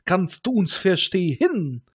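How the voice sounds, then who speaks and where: A man's voice: high-pitched, big pitch swings, slow pace, breathy edge, exaggerated voice. A man voicing a big, bossy male alien with eye stalks, speaking. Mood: formal.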